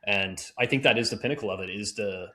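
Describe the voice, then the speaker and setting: A man's voice: fairly low pitch, quick pace, pushed and bright. A man co-hosting a podcast in casual conversation, enthusiastic and loose, dropping words like "dude". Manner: enthusiastic, uses filler like "dude". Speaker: podcast co-host.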